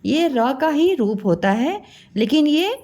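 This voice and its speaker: A woman teaching young children to read, stretching syllables slowly and calling the listener "beta". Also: sits high, big pitch swings, a little mellow. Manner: slow, drawn-out syllables for children. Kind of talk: children's Hindi lesson.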